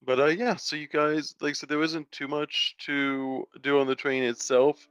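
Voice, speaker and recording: A man running a tabletop game as game master, talking in a casual, halting way with many fillers, heard through a thin, tinny headset mic. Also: a little high, steady tone, a bit bright, clean tone, dry recording. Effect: thin, tinny headset mic sound. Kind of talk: narrating a tabletop game online. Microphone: cheap headset mic. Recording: dull, dry, lo-fi headset mic.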